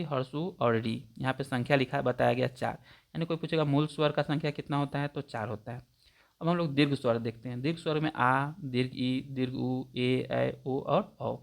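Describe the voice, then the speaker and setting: A man's voice: medium pitch, creaky. A man teaching grammar for exam preparation, explaining each point step by step and repeating definitions to check understanding. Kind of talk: exam-prep grammar lesson.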